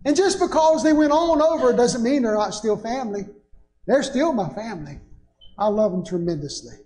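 A man's voice: very high-pitched, expressive, moderate pace, warm tone. An older man, preaching a sermon from a church pulpit with rising, emphatic bursts. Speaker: pastor. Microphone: pulpit microphone. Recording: echoey church sanctuary.

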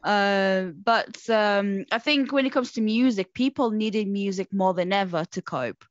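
A woman whose first language is Portuguese hosts a casual podcast interview, chatty and upbeat with many fillers. Her mid-range voice is a little slow, and the lo-fi audio is dull and dry with no echo.

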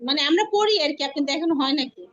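Woman student, very high voice, polite request, lo-fi call audio. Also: lively intonation, fast, fairly bright tone, no echo. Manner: polite, asking the teacher.

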